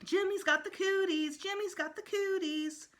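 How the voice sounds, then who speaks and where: A woman's voice: very high voice, fairly even intonation, moderate pace, pitched above the performer's own voice. A woman voicing a bossy, eager fourth-grade girl in a storybook, insistent and sing-song. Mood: taunting.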